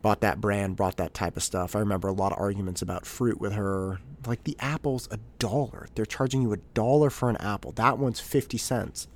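A man, hosting a podcast and telling a reflective personal story, animated and acting out quoted voices. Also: on the low side, brisk, few pauses. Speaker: podcast host.

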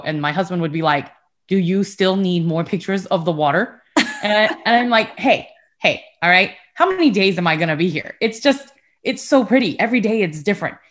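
Woman, young adult, casual podcast chat, laughs a lot, fairly low voice. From United States. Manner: giggly, chatty, frequent laughter. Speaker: podcast co-host.

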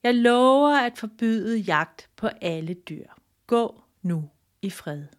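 A woman's voice: on the high side, expressive, natural voice. A woman voicing a proud male human king who speaks emphatically. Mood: urgent. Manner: emphatic, exclaiming questions. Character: proud human king, hasty then humbled.

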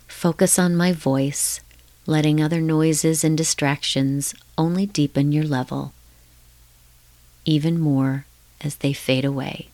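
Slow, low-voiced woman in soothing hypnotic countdown style. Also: fairly even intonation, no echo. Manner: slow, soothing, repetitive, hushed phrasing. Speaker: guided meditation hypnotherapist.

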